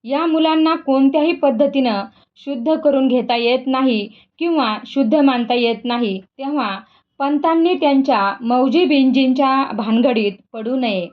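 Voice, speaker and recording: A woman's voice: high-pitched, unhurried. A woman voicing an enraged older male village priest, harsh and scolding, in a spoken story reading. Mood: stern. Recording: dull lo-fi recording.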